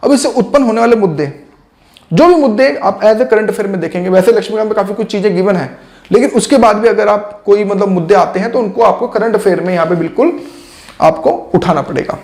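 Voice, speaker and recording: A man's voice: high-pitched, quick pace, a little mellow. A man teaching exam preparation in a casual, chatty lecture style, addressing students directly with lots of asides.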